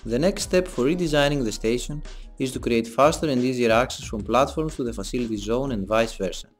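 A young man giving a scripted voice-over for a design presentation, in a measured, explanatory read. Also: mid-range voice. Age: young adult. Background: soft background music.

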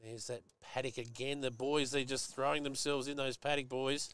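A man's voice: medium pitch, level tone, moderate pace, a bit bright, clean tone. An Australian man giving live football commentary and analysis, chatty and folksy, jumping up sharply at big hits.

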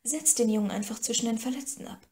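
A woman reads a scheming young prince from a storybook, hushed and slightly lower than her narration. He talks slowly and sounds irritated. The room around him gives an echo. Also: slight background noise, natural voice.

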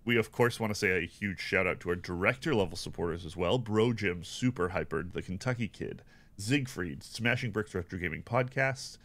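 A man co-hosting a podcast, reading supporter shout-outs in a put-on radio announcer voice. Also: low voice, normal speed. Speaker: podcast co-host.

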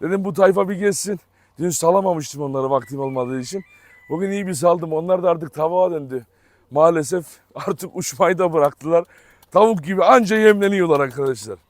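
Guy vlogging outside on his farm, kinda high voice, keeps calling his dog over. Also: brisk, dry recording. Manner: warm, coaxing calls to his dog. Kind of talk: casual chat to camera. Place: outdoors on a farm with animals.

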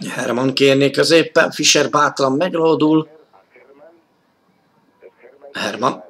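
A man giving live football commentary on an old 1980s television broadcast, excited and rising to shouts at key moments. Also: mid-range voice.

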